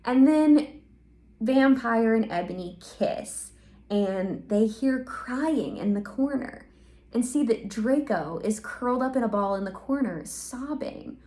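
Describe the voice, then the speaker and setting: A woman hosting a comedic reaction video, talking in a sarcastic, animated way. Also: a little high, slow pace. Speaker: video host. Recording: roomy echo.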